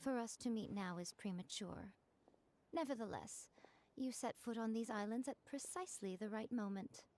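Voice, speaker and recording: A woman voicing a sly, mysterious female shrine priestess in a video game, speaking in a measured, cryptic way. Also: fairly high pitch, a little mellow, natural voice.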